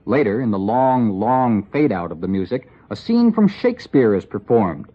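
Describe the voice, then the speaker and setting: A man's voice: on the low side, sing-song, normal speed. A man narrating a scripted radio report with wry, dry asides. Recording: lo-fi 1960s radio broadcast.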